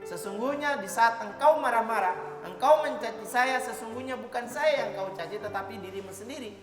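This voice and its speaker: A woman voicing a calm, patient and forgiving young man, quoted softly within a children's religious story. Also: on the high side, normal speed, close to an everyday voice. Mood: gentle. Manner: soft, quiet quoted speech. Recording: echoey hall with music behind.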